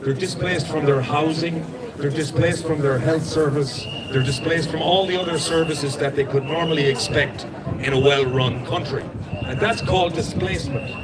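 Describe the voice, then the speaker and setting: Amid a very loud crowd on a city street, a Galway man with a west of Ireland accent gives an impromptu protest speech, insistent and explanatory. His voice sits on the high side at a normal speed, and the audio quality is poor.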